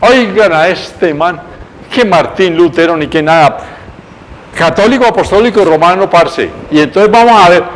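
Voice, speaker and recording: A man's voice: sits high, normal speed, slight background noise, close to an everyday voice, rough recording. A man putting on an indignant old pope who declares his faith emphatically.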